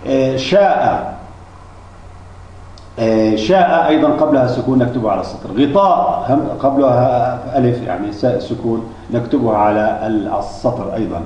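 A man's voice: mid-range voice, dark tone, a little hiss or hum. A man teaching Arabic spelling rules, explaining step by step with frequent restarts and hesitations. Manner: halting, many restarts and fillers. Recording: distant mic, echoey room, dull lo-fi.

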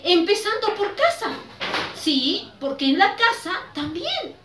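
A woman giving a children's sermon and leading a prayer, slow and sing-song, as a children's ministry teacher. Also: very high voice, sing-song, background noise. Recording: echoey room, voice from a distance.

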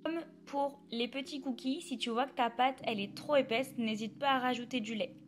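A woman's voice: high voice, normal speed. A young woman narrating her home cooking steps in a chatty voice-over, talking straight to the viewer. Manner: chatty, addresses the viewer directly. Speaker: cooking vlogger. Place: home kitchen.

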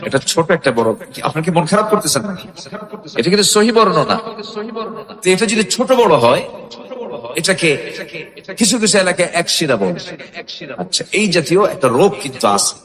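A man preaching a Bengali sermon, telling a story with animated shifts of voice and sudden rising shouts. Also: high voice, normal speed, long pauses. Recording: echoey hall with long reverb.

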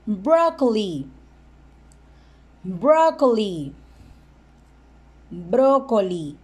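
A woman teaching a language lesson, slowly and deliberately repeating each word for the listener to echo. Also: mid-range voice, big pitch swings, a little mellow, husky. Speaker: English teacher. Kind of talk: slow bilingual vocabulary lesson.

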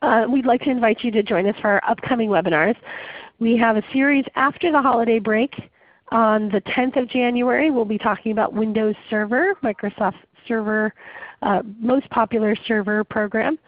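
A woman's voice: a little high, moderate pace, dry recording. A woman hosts an online webinar while under the weather, her voice muffled from a cold. She speaks conversationally, filling gaps with ums and uhs. The audio is dry and narrow, like a phone line. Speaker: webinar host. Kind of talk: hosting a webinar. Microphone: webinar call audio.

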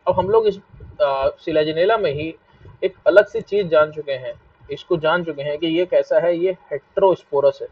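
Male teacher with a Hindi accent, fairly high voice, quizzes and repeats, muffled distant mic, dry sound. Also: normal speed, no echo. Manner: repetitive, asks students questions and scolds them to stop fighting. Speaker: biology teacher. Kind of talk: live online class lecture. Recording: dull lo-fi mic, a bit distant.

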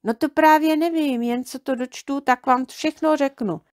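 A woman reading aloud, voicing a small girl shorty who answers briskly. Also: high voice, steady tone, darkish tone, dry recording, studio quality, pitched above the performer's own voice, lightly acted. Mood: distracted.

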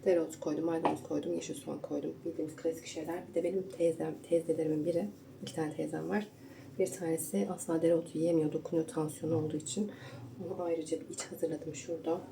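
A woman's voice: low-pitched, level tone, fast talker, vocal fry, distant mic. Chatty woman cooking in an echoey kitchen. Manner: chatty, talks to viewers while cooking; hushed at times so as not to wake her husband and baby. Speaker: home cooking vlogger. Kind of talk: casual kitchen vlog chat. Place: home kitchen. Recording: roomy kitchen echo, camera set back, household noise.

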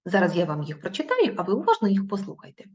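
A woman teacher giving a recorded video lesson to young children, praising them and reading words out slowly and clearly. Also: mid-range voice, huge pitch swings, lo-fi sound. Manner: slow, clearly spoken dictation of syllables; encouraging, praising pupils.

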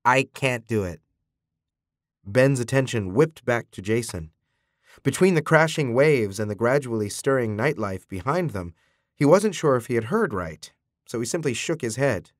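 A man with a medium-pitched voice narrates an audiobook in a measured, expressive scripted reading. The studio sound is clean, with no room sound.

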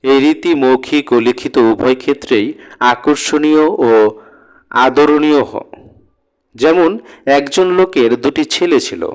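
Male teacher, slow and deliberate, reads from the textbook and explains for students. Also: medium pitch. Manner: slow, deliberate reading with spoken asides to students. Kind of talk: reading and explaining a grammar lesson.

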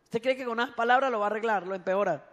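A woman preacher giving a sermon, telling stories warmly and breaking into loud, fervent exhortations. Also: a little high, very fast, long reverb tail. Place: church sanctuary.

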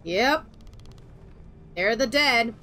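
Woman, game streamer, bright voice, chatty and exclaiming, casual commentary, faint game music behind. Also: fairly high pitch, lively intonation, very slow.

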